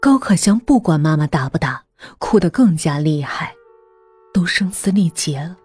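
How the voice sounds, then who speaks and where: A woman reading a suspense story aloud, measured and hushed, sometimes dropping almost to a whisper. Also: low-pitched, lively intonation, slightly rough, dry recording, faint music behind. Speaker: narrator. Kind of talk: scripted audiobook narration.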